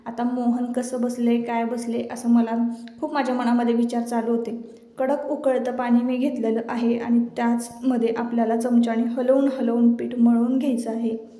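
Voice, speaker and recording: Homely middle-aged Marathi woman, fairly high, level voice, cooking vlog voice-over. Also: little pitch movement, normal speed, warm tone, roomy sound. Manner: chatty, homely, addresses viewers as sisters. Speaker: home cooking vlogger. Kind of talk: casual recipe voice-over.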